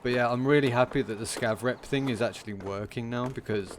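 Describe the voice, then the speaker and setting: A man streaming a game, talking through it in a casual, monotone commentary. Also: mid-range voice, fairly quick, noisy background.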